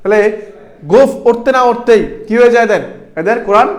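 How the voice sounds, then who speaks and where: High-voiced young male tutor, drills exam questions by repeating them. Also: fast talker. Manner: repeats questions and answers, addresses students as brothers. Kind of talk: exam-prep class lecture.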